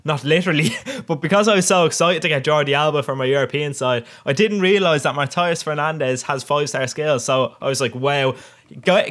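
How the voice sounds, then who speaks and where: A man's voice: fairly high pitch, fairly bright tone. A young man giving cheeky, crude gameplay commentary, often laughing at his own jokes. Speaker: gaming YouTuber.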